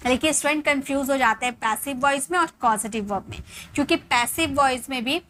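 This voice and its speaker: A woman teaching an English lesson in Hindi. She reads the English examples slowly and answers her own questions. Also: high-pitched, a bit bright, a little hiss or hum. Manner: slow, spelled-out reading of English example sentences; asks questions and answers them herself.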